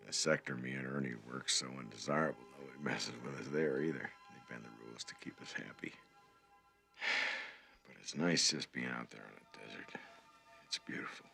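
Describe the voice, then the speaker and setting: An actor playing a middle-aged border patrol agent, dry and laconic. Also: male voice, rumbling low, normal speed, gravelly, pushed and bright, soft background music, full character voice. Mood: weary. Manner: dry, laconic, world-weary. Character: weary veteran male border patrol agent.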